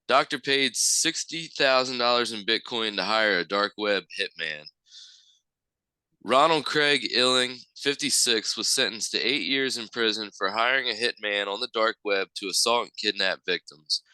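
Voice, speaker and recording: A low-voiced man reads news stories aloud as a podcast co-host, with a very bright, forceful tone. His voice is smooth and crisp. The sound is dry and close, with no room echo. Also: normal speed.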